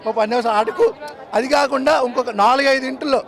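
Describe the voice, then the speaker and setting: A man giving a measured street review of a film, weighing its strengths against its weaknesses. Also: very high-pitched, some chatter behind. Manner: measured, critical, weighs pros and cons.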